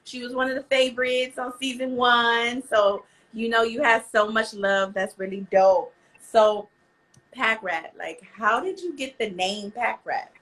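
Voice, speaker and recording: Bright, high-voiced American woman host. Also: steady tone, measured pace. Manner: slangy, effusive hype. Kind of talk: casual live interview chat.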